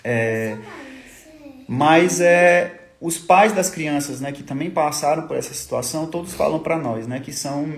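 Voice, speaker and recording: A man, a father, telling his family's hard story in a halting, tearful way, often repeating his words. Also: on the high side. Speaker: father of a sick child. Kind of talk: emotional personal testimony on a livestream. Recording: echoey room.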